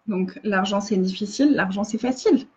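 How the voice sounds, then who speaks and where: A woman's voice: mid-range voice, brisk, highs cut off, noisy background. A woman facilitator giving earnest casual coaching in a live video, often restarting and repeating phrases.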